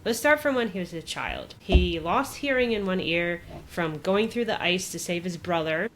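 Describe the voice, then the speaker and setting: A woman's voice: on the low side, expressive, moderate pace, a bit bright. Woman podcaster just chatting, lots of "like"s and little laughs, faint hiss behind. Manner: chatty retelling, peppered with "like" and laughs. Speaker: podcast co-host. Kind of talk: casual chat.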